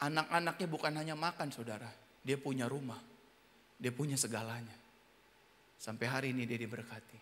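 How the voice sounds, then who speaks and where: A man pastor with an Indonesian accent preaching a sermon in a large auditorium, swinging between quiet talk and sudden loud shouts. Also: mid-range voice, fairly even intonation, fairly quick, pauses often, big-room sound, noisy background. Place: hotel auditorium church service.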